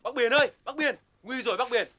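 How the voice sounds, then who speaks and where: An actor playing an anxious villager who urgently pleads with the security officer to act. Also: male voice, very high voice, fast, bright, forceful tone, slight background noise. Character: anxious male villager raising the alarm.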